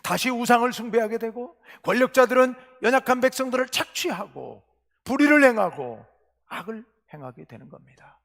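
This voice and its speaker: A male pastor preaching a sermon, asking questions and answering them himself, moving between hushed asides and loud, impassioned cries. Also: very high-pitched, animated, a little fast, gravelly. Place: church sanctuary. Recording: long reverb of a church hall.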